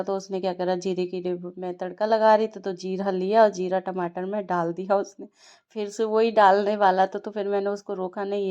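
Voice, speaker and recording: A woman's voice: mid-range voice, darkish tone, lo-fi sound. A young woman, a mother casually narrating her day at home, chatty and telling stories with small laughs.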